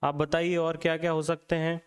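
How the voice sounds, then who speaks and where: A man's voice: a little high, flat delivery, a little fast, clean tone, long reverb tail. A man teaching a Hindi grammar lesson, asking the class questions and answering them himself, often checking in with "theek hai".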